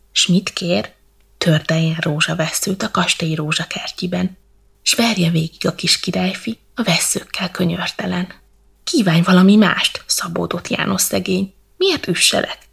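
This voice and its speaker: Woman storyteller, bedtime verse, gravelly and very husky, lowish. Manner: slow, rhythmic verse reading.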